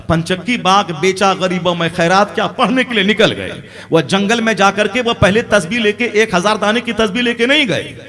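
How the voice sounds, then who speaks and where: A man preaching an impassioned sermon as an Islamic preacher, rising to loud emphatic peaks. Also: high-pitched.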